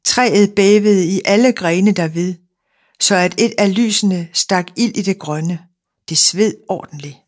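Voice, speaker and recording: A woman narrating a fairy tale in a calm, measured reading. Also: medium pitch.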